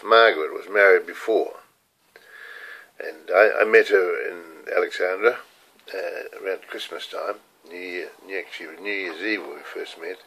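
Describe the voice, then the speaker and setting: Man, 70s, New Zealand accent, lowish voice; rambling, candid home video diary. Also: bright, forceful tone, poor audio. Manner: rambling, candid, swears casually. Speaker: video diarist. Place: room at home.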